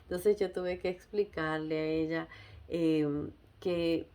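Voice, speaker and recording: A woman sharing a personal testimony in a sermon, reflective and hesitant, often pausing and checking in with her listeners. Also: low-pitched, steady tone, dark tone. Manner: reflective, with many hesitations and tag questions. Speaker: speaker sharing a devotional message.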